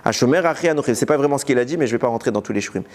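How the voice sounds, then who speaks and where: A man, a rabbi, giving a recorded Torah lesson. He teaches in a lively way, posing questions and answering them himself. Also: medium pitch, very fast, in a large hall.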